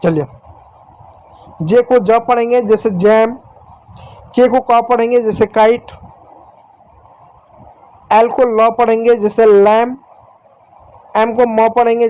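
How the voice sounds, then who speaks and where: A man teaching young children letter sounds in a patient, repetitive way, slowly sounding out letters and speaking to the children directly and affectionately. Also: extremely high pitch, steady tone, darkish tone, clear, resonant tone, low-quality recording. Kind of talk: phonics lesson for young children.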